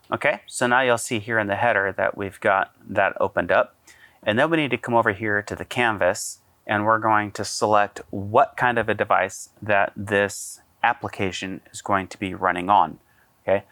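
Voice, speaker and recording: A man giving a casual step-by-step software tutorial, talking through each click with frequent ums and uhs. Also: lowish voice, no echo. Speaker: AV integrator demonstrating software. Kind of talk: screen-recorded software tutorial.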